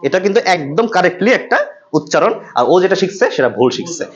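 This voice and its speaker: A man from Bangladesh teaching pronunciation in a classroom, drilling sounds aloud with repetition and quick quiz questions. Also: sits high, sing-song. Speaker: pronunciation instructor. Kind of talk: classroom lesson. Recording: slightly muffled classroom recording.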